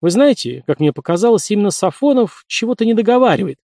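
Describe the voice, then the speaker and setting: A man reading a calm army major. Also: high voice, no echo, studio quality, pitched above the performer's own voice. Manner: measured, deliberate.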